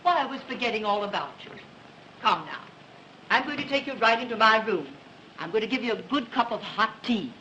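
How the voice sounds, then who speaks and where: A woman's voice: a little high, lively intonation, brisk, bright, forceful tone, lo-fi sound, slight background noise. An actress playing a kindly, motherly woman who runs a neighborhood house, in early 1930s talkie film sound. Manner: kindly, fussing, reassuring.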